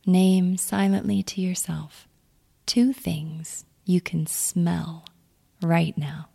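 Speaking in a soft near-whisper, a woman guides a calm grounding meditation with soothing, gentle directions. Her voice is low, creaky and husky, and she draws out her words.

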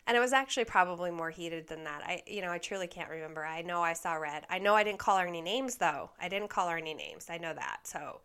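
A woman's voice: on the low side, expressive, fast talker, hardly any pauses, fairly bright tone, clear, resonant tone. A woman vlogger telling a personal story in a candid, self-deprecating way, laughing at herself. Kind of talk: storytime monologue.

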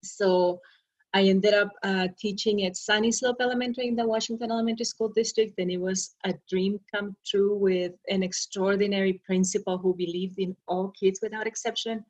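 A woman's voice: medium pitch, fairly even intonation, a little fast, darkish tone, highs cut off. A middle-aged woman from Arizona, a school superintendent earnestly and reflectively telling her life story in an interview. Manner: earnest and reflective, with brief laughs and restarts.

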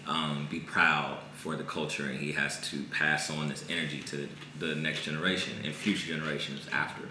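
A man's voice: a bass voice, little pitch movement, brisk. A man hosting a podcast in casual conversation, laid-back and slangy, easily agreeing with his guest. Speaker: podcast host. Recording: echoey room with faint noise.

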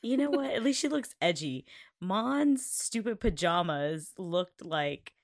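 Woman co-host, casual recap chat, giggly, teasing, excitable; dry close-mic sound. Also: lowish voice, measured pace, no echo. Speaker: podcast co-host.

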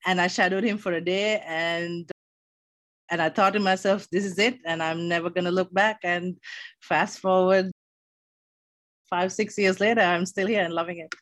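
A woman's voice: lowish voice, fairly even intonation, moderate pace, a bit bright, no room sound. Earnest woman from Sri Lanka. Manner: earnest, with frequent small restarts. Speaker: optician, interview guest. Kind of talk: casual interview storytelling.

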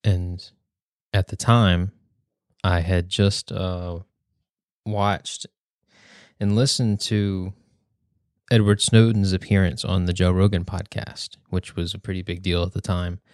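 A young man hosting a podcast, reading a prepared speech in a measured, earnest way. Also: low voice, flat delivery, a little mellow, dry recording, studio quality. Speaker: podcast host.

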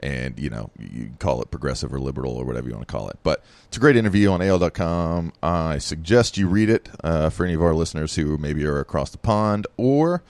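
A very deep-voiced male podcast co-host talks fast with vocal fry and hardly any pauses, his tone darkish. He rambles casually, filling his chat with fillers and restarts, in a dry recording.

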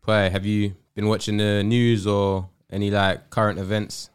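A man's voice: lowish voice, little pitch movement, normal speed, smooth. A man with a London roadman accent, hosting a casual chat show in a laid-back, slangy way. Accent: London roadman, urban slang. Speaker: podcast host.

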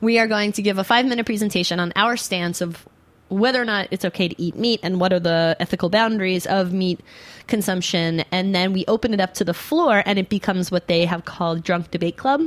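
Female talk host, mid-pitched, animated and jokey, happy to argue a point conversationally. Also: fairly quick, hardly any pauses, no echo. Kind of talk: casual talk show chat.

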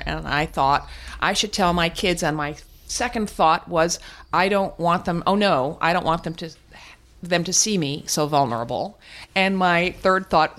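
In a candid conversational interview, an older female guest reflects openly and frankly, occasionally laughing and restarting what she says. Her voice is lowish with a slightly bright quality.

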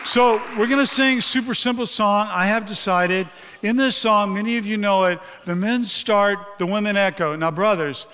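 A male pastor delivers a sermon in a church sanctuary, his voice high, his pace moderate and his tone sharp, though a stroke has weakened it. He is candid and jokes with the congregation. A faint crowd, a little hiss or hum, and long hall reverb surround him.

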